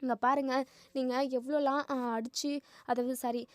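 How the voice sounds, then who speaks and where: A woman's voice: high voice, little pitch movement, moderate pace, a little mellow, no room sound, studio quality, natural voice. A woman reading the lines of a stern, protective older grandmother in a firm, scolding tone.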